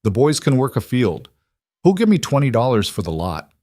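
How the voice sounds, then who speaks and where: A man voicing a brash, weasel-faced male auctioneer on the frontier, with loud hawking patter. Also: mid-range voice, very animated, moderate pace, no echo, studio quality, pitched above the performer's own voice.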